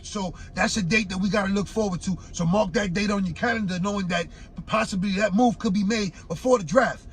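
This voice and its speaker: A man hosting his own sports talk show, with a raspy voice and a laid-back, conversational delivery full of fillers. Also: high-pitched, fairly quick, few pauses, slight background noise. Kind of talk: casual sports commentary. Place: home in Florida.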